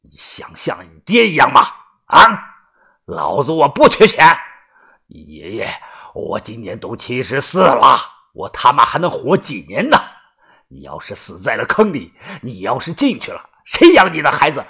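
A man voicing a stern grandfather in his seventies, gruff and scolding in an audiobook story. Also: deep voice, big pitch swings, measured pace, sharp tone, pitched below the performer's own voice, exaggerated voice. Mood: furious.

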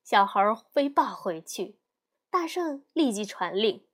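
A woman narrating a storybook tale in a clear, lively storytelling way. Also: medium pitch, slow.

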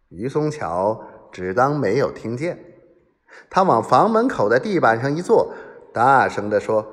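Male serial storyteller, unhurried, lively pitch, long reverb. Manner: dramatic, acts out quoted voices.

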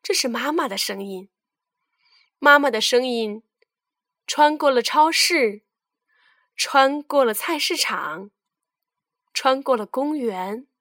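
A woman narrating a children's story with a gentle, expressive reading. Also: sits high, slow pace, pauses often, no room sound, studio quality.

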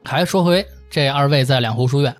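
A man's voice: medium pitch, fairly quick, no room sound. Beijing-accented man telling stories over music. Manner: acts out characters' dialogue as he narrates. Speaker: host telling a history story. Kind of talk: casual, colloquial storytelling with banter.

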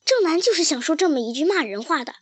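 A woman's voice: high-pitched, expressive, fast, no echo. A woman voicing a tender, sorrowful mother. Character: kind, tender-hearted mother speaking to her little daughter. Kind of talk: storybook reading.

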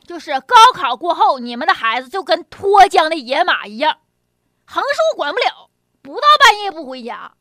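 High, animated Northeastern Chinese woman comedian. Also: moderate pace, no room sound, clean studio sound. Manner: chatty, folksy, often chuckling. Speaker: comedy talk show host. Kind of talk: comic monologue with jokes and anecdotes. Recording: music behind the voice. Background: music.

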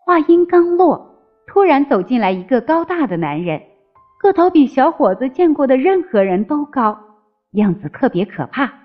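A woman narrating a fairy tale in an expressive storytelling manner. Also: sits high, moderate pace. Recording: slightly dull with faint music.

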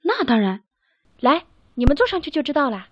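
A woman voicing an eager, proud young male sheep in a storybook, calling out excitedly. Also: high-pitched, brisk, dry recording, pitched above the performer's own voice. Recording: dry, slightly dull recording.

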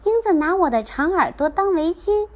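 A woman voicing a gentle, sweet toy rabbit in a children's story. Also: extremely high pitch, lively intonation, moderate pace, pitched above the performer's own voice. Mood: fond.

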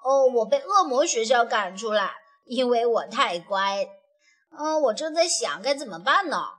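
Brief: a woman doing a sweet, honest little devil boy for a storybook, calm and plain, high voice. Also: moderate pace, soft background music. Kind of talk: storybook reading.

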